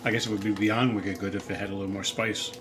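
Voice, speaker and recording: A middle-aged man from the United States giving a casual, unhurried, halting tasting review to camera while crunching chips. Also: on the low side, flat delivery, background noise. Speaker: snack reviewer. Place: home kitchen, indoors.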